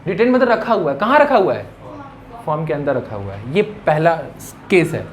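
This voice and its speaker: A man's voice: fairly high pitch, wildly swooping pitch, normal speed. A male commerce teacher giving a classroom lecture, asking his students questions and answering them himself, calling them "beta" and mixing English terms into his explanations. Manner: calls students "beta" affectionately. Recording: faint background noise.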